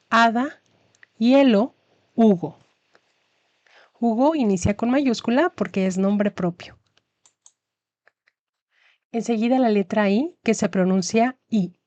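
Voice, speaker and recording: In a scripted Spanish lesson, a woman slowly and carefully pronounces each example word. Her voice is medium-pitched with a darkish tone, and there is no room sound.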